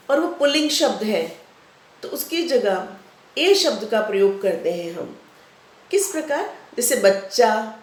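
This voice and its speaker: A woman's voice: high-pitched, reverberant. A woman schoolteacher giving a patient grammar lesson to children, repeating rules and examples. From India. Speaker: school teacher.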